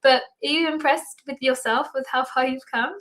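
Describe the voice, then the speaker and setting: A woman's voice: high-pitched, fairly even intonation, moderate pace, fairly bright tone. A woman hosting a casual livestream interview as a language teacher, upbeat and full of effusive praise. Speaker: language program host and teacher.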